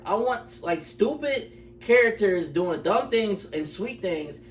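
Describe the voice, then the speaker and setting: This man co-hosts a laid-back movie review chat, speaking slowly in a high voice with lively intonation. He's informal and opinionated, frequently repeating himself to make his case. The mic is distant, the room echoey, and there's a little background noise.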